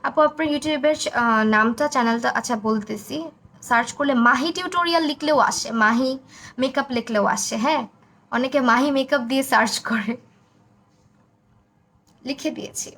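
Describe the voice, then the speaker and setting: A young woman from Bangladesh with a hoarse, broken voice, chatting through a live makeup tutorial and reading out viewer comments. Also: high voice, fairly bright tone.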